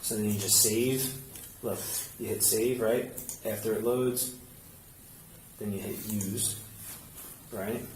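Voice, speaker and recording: A man with a fairly low voice gives casual, hands-on instruction as a police officer. He goes step by step and checks in often. The recording is roomy and distant, with clear background noise. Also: fairly even intonation, slow pace, long pauses, darkish tone. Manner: explains step by step, checking with "right?". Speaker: police officer training a colleague. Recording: roomy, noisy, distant body camera pickup.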